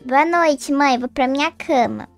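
Casting note: girl as a high-voiced, cooing schoolgirl who is eager and chatty in a game story. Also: unhurried, no echo, soft background music. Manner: cooing, excitable, talks to herself. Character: sweet, scheming schoolgirl who loves babies. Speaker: channel host and role-play player. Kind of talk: acted game role-play.

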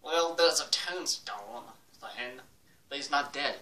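A teenage man voicing a dopey, cheeky furry monster puppet in a slow, rambling way for a ventriloquist act. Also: fairly high pitch, lively intonation, bright, forceful tone. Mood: earnest, muddled. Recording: noisy, echoey room, distant webcam mic.

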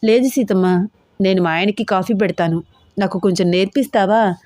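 A woman's voice: mid-range voice, normal speed, a little mellow, dry recording, clean studio sound, close to an everyday voice. Woman doing a pleading young wife. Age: 20s. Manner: pleading, coaxing. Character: young newlywed wife, pleading and sweetly pouty.

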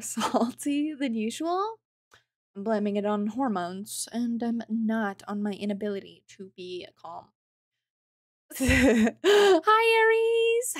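A woman's voice: fairly high pitch, dry recording, clean studio sound. A woman streamer in casual chat with her viewers, rambling and chatty with lots of filler words, laughing often between phrases. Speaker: game streamer.

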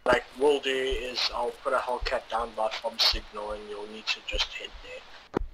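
A man comes through on a radio channel in a game, relaying orders to a team. He talks in a casual, unhurried way, pausing on fillers, at an average pitch. The line carries clear static and clicks. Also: steady tone. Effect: heard over a game radio channel.

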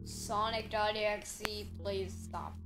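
A woman's voice: medium pitch, fairly even intonation, slow pace, over loud music. A woman chatting casually while playing a game, often exclaiming. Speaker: game player. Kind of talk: casual gaming chat. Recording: echoey room with clear noise.

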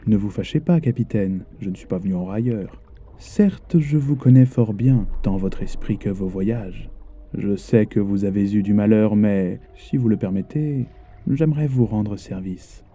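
A man voicing a sinister, supernatural tall gentleman who speaks in a smooth, measured, quietly menacing way. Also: lowish voice, faint music behind. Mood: coaxing.

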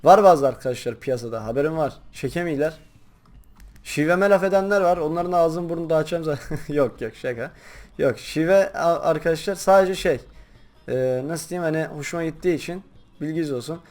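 A young man chatting casually while playing a game, rambling to his viewers and breaking into loud excited shouts. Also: on the high side, a little fast. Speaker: gaming YouTuber. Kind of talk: casual gameplay commentary.

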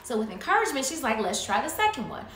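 Bright, lively high-voiced woman. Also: fast. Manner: lively, counts out dance steps. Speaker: co-storyteller. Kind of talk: casual spoken storytelling. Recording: echoey room with faint noise.

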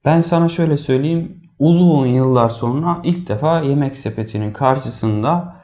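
A man's voice: mid-range voice, moderate pace, dark tone. A man co-hosting a casual marketing podcast, explaining numbers and quizzing his partner. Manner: quizzing, explanatory, fond of figures. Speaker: podcast co-host.

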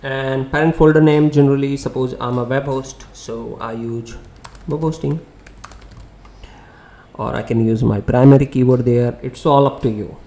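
In a loose, chatty screen-share tutorial, a man walks through SEO software, often using fillers and restarting his sentences. His pitch is medium and his pace moderate.

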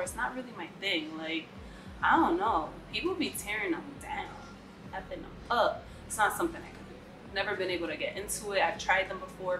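A woman's voice: lowish voice, roomy sound, noisy background. A woman in her twenties from the Dominican Republic, chatting casually to camera with a stuffy nose from a cold. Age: 20s. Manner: chatty, slangy, addresses viewers directly. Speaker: vlogger. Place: bright living room, indoors.

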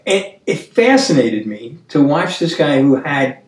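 A man in his seventies hosting a casual Bible discussion, earnest and storytelling, with halting restarts. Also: fairly high pitch, very animated. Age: 70s. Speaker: Bible study host. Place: dining room table, indoors. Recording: roomy, distant mic.

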